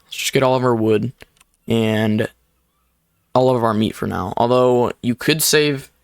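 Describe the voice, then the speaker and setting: Gravelly-voiced young man narrating gameplay. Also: mid-range voice, a little slow, no echo, studio quality. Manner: chatty, explains as he plays, many fillers. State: short of breath at times. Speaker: gaming YouTuber. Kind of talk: casual gameplay commentary. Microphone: desk microphone.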